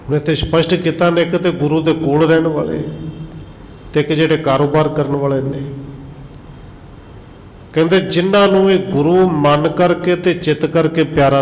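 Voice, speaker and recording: A man preaching on scripture with a fairly high voice, drawing out the verses in a slow, half-sung recitation before explaining them plainly. His voice rings through a large hall with a long reverb tail. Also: darkish tone. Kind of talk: religious discourse on scripture.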